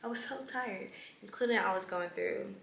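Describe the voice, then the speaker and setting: A young woman in her late teens telling her story in a casual, chatty vlog, animated and prone to whispered asides. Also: medium pitch, moderate pace, vocal fry, slight background noise. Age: young adult. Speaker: vlogger. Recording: echoey room with faint ambience.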